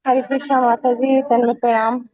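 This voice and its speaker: A woman's voice: on the high side, little pitch movement, brisk, dry recording. A woman student in an online class, polite, reading a verse translation carefully. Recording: dull lo-fi video call audio.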